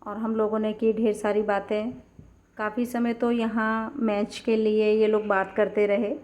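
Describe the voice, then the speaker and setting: Mellow, unhurried woman narrating a vlog. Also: medium pitch. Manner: soft, unhurried, even storytelling. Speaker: vlogger. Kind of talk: reflective voice-over narration.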